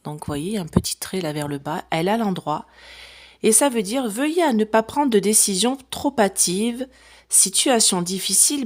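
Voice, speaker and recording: A woman chatting casually to camera as she lays out runes and cards for a reading, explaining each step with plenty of fillers. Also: medium pitch. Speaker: psychic reader.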